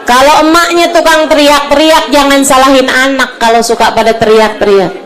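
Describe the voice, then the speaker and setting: A middle-aged woman delivers a sermon to an audience of mothers. Her voice sits a little high, and she sinks into soft, near-whispered counsel before lifting back up into animated storytelling. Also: moderate pace, a faint crowd. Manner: shifts from soft, hushed advice to lively raised storytelling. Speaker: preacher.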